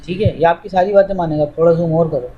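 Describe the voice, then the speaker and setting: A man's voice: a little high, quick pace, dull audio, slight background noise. A man teaching English, explaining step by step in an informal way to a student while demonstrating on screen.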